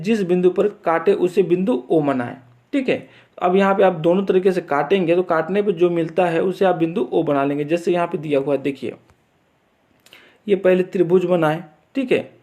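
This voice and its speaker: Speaking with a Chhattisgarh Hindi accent in a high, dark-toned voice at normal speed, a math teacher guides students step by step through a board exam assignment. He repeats steps and checks in often with "theek hai."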